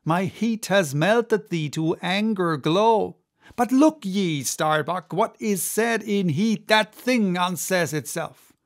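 A man's voice: high voice, takes it slowly, voice pushed up. A man voicing an obsessed, vengeful whaling captain in an audiobook, intense and declamatory. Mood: intense, coaxing.

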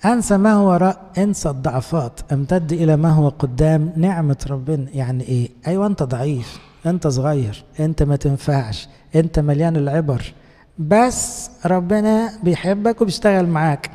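An Egyptian priest preaches in a relaxed, colloquial way, coaxing his listeners with rhetorical questions. His voice sits a little high but sounds mellow and dark. A long church reverb trails after each phrase. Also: a little fast. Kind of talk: conversational sermon.

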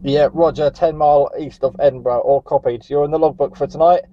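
Calling for contacts and chatting over CB radio, this man speaks a little fast in a warm, steady, rather high voice. He is in a parked vehicle on a seafront headland, and the recording is dull and lo-fi.

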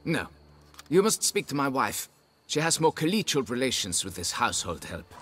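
A man's voice: medium pitch, big pitch swings, normal speed, fairly bright tone, husky. A pompous snobbish nobleman. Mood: grudging. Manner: haughty, condescending, fussy about his title. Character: pompous snobbish middle-aged male nobleman, vineyard owner. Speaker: client hiring a witcher.

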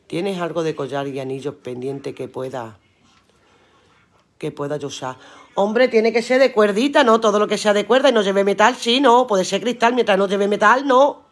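A woman's voice: medium pitch, normal speed. Chatty, earthy woman streaming live. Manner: chatty, earthy, swears casually, laughs often. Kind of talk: casual live-stream chat reading viewer comments aloud.

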